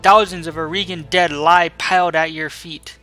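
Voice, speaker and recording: A man's voice: on the high side, steady tone, moderate pace, sharp tone, soft background music. A man voicing a wounded, accusing young noblewoman, reading video game dialogue with passion. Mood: wounded anger. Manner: impassioned, accusing. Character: wounded, indignant young noblewoman leading a rebellion. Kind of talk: dramatic read-aloud of game dialogue.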